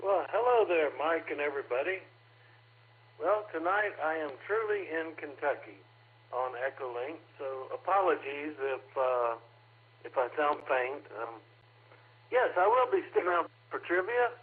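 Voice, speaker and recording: Polite raspy guy checking in on ham radio, tinny signal. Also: on the high side, expressive, a little slow. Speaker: ham radio net participant.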